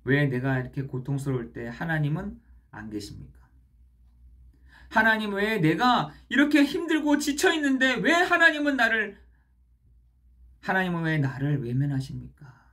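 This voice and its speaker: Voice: mid-range voice, brisk, natural voice. A preacher voicing a despairing young man who pleads and complains to God in a raised voice, as an acted quote within a sermon. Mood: anguished pleading.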